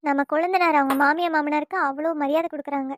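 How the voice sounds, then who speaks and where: A woman's voice: high-pitched, steady tone, fast talker, dry recording, clean studio sound, close to an everyday voice. A woman voicing an envious elder sister-in-law in a family cartoon, muttering wistfully.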